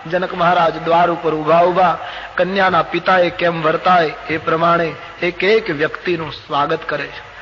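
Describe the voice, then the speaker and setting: An older man with a Gujarati accent, telling a devotional scripture story and acting out the characters' lines with expression. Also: a little high. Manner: expressive, acts out dialogue of gods and characters. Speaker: storyteller preacher. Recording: dull lo-fi old recording with faint hiss.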